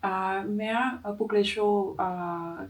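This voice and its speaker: Young vietnamese woman, accented french, slow and halting, lots of uh, a bit away from the mic. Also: mid-range voice, fairly even intonation, distant mic. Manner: hesitant, many pauses and fillers. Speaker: interview guest, entrepreneur. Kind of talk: casual interview answers.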